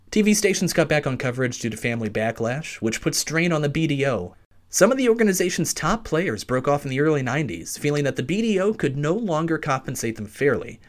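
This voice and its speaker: Lively podcast host recording inside a closet. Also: male voice, mid-range voice. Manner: lively, wry storytelling. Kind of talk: scripted narration, then casual sign-off. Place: closet in a basement.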